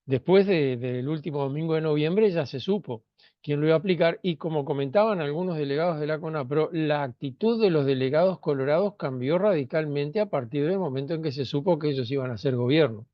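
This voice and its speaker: A man talking on a discussion panel, his voice sitting a little high. He hesitates and restarts often, filling gaps with small words. The sound is dull and dry. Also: brisk, dry recording. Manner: hesitant, many fillers and restarts. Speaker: panel speaker on history.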